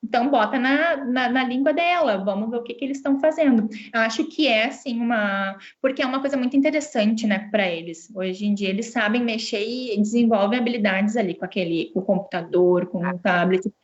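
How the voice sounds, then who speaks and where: High-voiced woman explaining on a call. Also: brisk, hardly any pauses. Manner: explanatory, tag questions after each point. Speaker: speech therapist. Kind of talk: expert answering parents' questions. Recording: muffled video-call audio.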